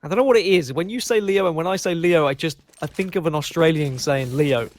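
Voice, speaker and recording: A man doing lively play-by-play commentary on an esports match, bantering jokingly with his co-caster over a headset mic. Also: on the high side, fairly quick, dry recording. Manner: animated, jokey banter.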